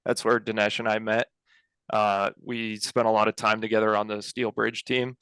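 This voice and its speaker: A young Colorado man who co-founded an engineering firm answers interview questions from his home office over a headset mic on a video call, relaxed and full of fillers and restarts. His voice is fairly low, creaky and smooth. The recording is rough but has no echo.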